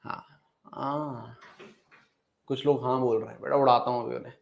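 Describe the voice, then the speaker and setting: A man's voice: mid-range voice, little pitch movement, racing, vocal fry, muffled recording. A man teaching a chemistry exam-prep lecture in a repetitive, coaxing way, often calling his students "beta" and voicing their questions himself.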